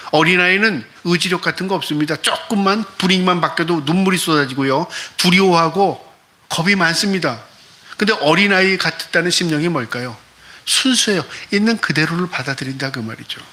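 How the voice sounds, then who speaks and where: A man's voice: fairly high pitch, bright, forceful tone. A man preaching as a pastor, delivering an emphatic sermon full of rhetorical questions to the congregation.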